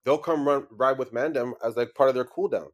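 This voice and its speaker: A man's voice: mid-range voice, fairly quick. Slangy man chatting casually. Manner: slangy, repeats himself for emphasis. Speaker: podcast guest, cycling club founder. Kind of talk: casual chat.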